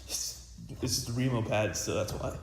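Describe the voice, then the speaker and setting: In an echoey practice room with a drum pad, where the recording hisses loudly, a teenage student percussionist talks through a relaxed snare drum lesson. He speaks at a normal pace in a mid-range voice, wandering off track with lots of fillers and false starts.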